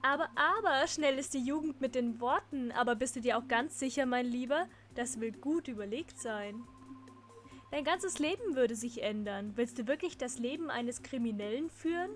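A woman's voice: sits high, animated, normal speed, soft background music. A woman voicing a flamboyant, smug male villain boss, reading the game's dialogue aloud in a sing-song, coaxing way. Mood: theatrical coaxing.

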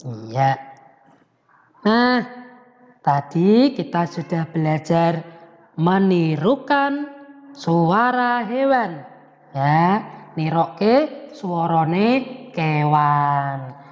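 A man leads a children's lesson at a very slow, sing-song pace, asking questions and answering them himself. His voice rings with a long echo, and the lo-fi recording sounds dull. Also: on the high side, big pitch swings. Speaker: elementary school teacher.

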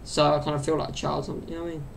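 In a level tone and at a very fast clip, a young podcast host in his twenties chats on his own, drifting between topics and using lots of fillers. His voice is high and gravelly. The desk mic sits to the side in his small bedroom, and slight background noise is present.

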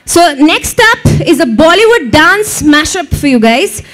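A woman's voice: very high-pitched, a little slow. A woman hosting a live cultural show, bantering and teasing the audience. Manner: lively, teasing crowd banter. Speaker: event emcee. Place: event venue with live audience.

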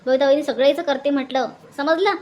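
A woman voicing a blunt married village sister in a cartoon, speaking with a Varhadi Marathi accent in a high, scolding manner. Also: steady tone, quick pace, muffled recording, natural voice. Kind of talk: cartoon voice acting.

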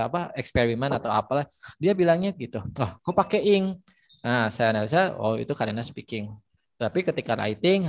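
A man's voice: medium pitch, no echo. Chatty male English teacher, dry sound. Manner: chatty, explains with examples, frequent fillers. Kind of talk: live online English lesson.

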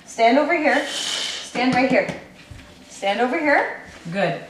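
A woman's voice: sits high, animated, slow pace. Woman on echoey home camcorder audio. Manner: sing-song, coaxing, encouraging. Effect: home camcorder recording. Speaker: mother filming her toddler. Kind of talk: home video, coaxing a toddler through letters. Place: indoors at home. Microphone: built-in camera microphone. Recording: echoey room with faint hiss.

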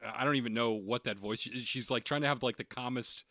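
A man with a bright, forceful voice trades wry, profane jokes about a film in casual podcast chat, chuckling as he goes. The sound is close and dry, with almost no room around it. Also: mid-range voice, fairly quick, dry recording. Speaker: podcast co-host.

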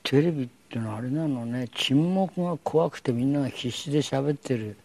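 A man's voice: mid-range voice, normal speed, darkish tone. An older man hosting a studio talk show, lecturing in a blunt, opinionated way with slangy asides. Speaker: host. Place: television studio.

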